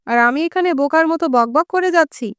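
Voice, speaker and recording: A woman's voice: high voice, brisk, fairly bright tone, no echo, studio quality. A woman voicing a coarse, brooding old Greek man who speaks in crude colloquial talk full of curses, in an audiobook reading. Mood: challenging.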